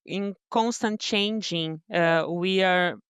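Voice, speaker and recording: A Brazilian woman, a brand partnerships director whose first language is Portuguese, answers podcast interview questions in halting English with a Brazilian Portuguese accent. Her voice is smooth, low and fairly bright, recorded dry and close with no room sound, and she sounds hesitant, full of fillers and restarts.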